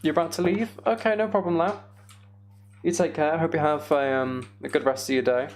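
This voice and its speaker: Chatting casually while streaming a game, this man mutters and reasons his way through things out loud. He speaks a little fast in a fairly high voice, with slight background noise in the recording.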